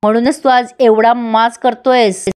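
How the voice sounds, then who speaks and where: A woman's voice: on the high side, little pitch movement, a little slow, darkish tone, clear, resonant tone, natural voice. A woman voicing a furious, blustering male gangster boss who scolds and taunts his partner. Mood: scolding.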